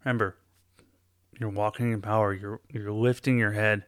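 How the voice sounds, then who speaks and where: A man giving a slow guided self-help talk, coaching listeners step by step and often checking in with "okay?". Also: lowish voice, little pitch movement, a bit bright, no echo, clean studio sound.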